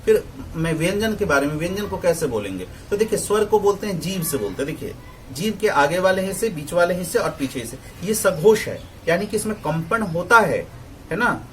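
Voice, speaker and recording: A man giving a pronunciation lesson, demonstrating vowel sounds slowly and often checking in with his listeners. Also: high-pitched, big pitch swings, a little hiss or hum. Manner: digresses into opinionated asides. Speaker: Hindi pronunciation teacher. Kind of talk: lecture explaining vowel articulation.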